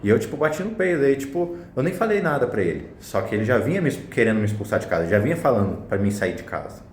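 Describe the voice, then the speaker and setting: A man's voice: mid-range voice, sing-song, quick pace, slight background noise. A young man telling a personal story to camera in a casual, blunt way, full of slang and swearing. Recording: roomy echo.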